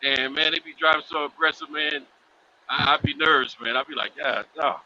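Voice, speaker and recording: A man's voice: fairly high pitch, steady tone, brisk, bright, forceful tone. A man calling in over buzzy call audio that keeps breaking up, chatting casually with loose, slangy talk and lots of fillers. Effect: buzzy, glitchy call audio that breaks up. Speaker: remote caller in a group chat. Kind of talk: casual chat. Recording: muffled call line with faint hiss.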